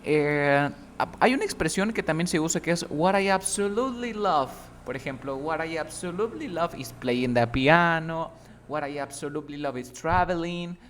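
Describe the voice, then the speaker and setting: Patient male English tutor, slightly high voice. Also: lively intonation, normal speed, fairly bright tone, a little hiss or hum. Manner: patient, explains step by step, checks understanding often. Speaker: English teacher. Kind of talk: one-on-one lesson feedback.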